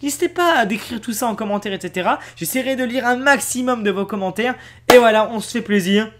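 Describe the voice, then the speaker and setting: Fast-talking animated guy. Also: very high-pitched, slight background noise. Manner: animated, repeats himself, rambling. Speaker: YouTube card collector host. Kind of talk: casual chat to viewers.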